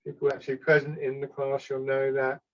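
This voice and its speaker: A man gives calm, unhurried step-by-step tai chi cues as an instructor, sometimes hesitating and correcting himself. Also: mid-range voice. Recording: slightly dull, lo-fi sound.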